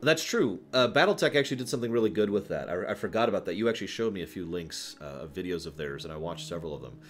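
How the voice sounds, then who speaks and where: Racing along in a low, animated voice, a man hosts a livestream and chats casually with viewers, sharing strong opinions. His delivery is emphatic and conversational, and he stops mid-thought to talk to the chat.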